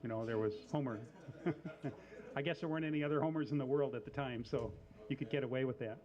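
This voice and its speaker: A man hosting a live coffee house show, casual and halting, with lots of fillers and dry little jokes. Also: mid-range voice, a little mellow, muffled recording. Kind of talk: casual live emcee patter.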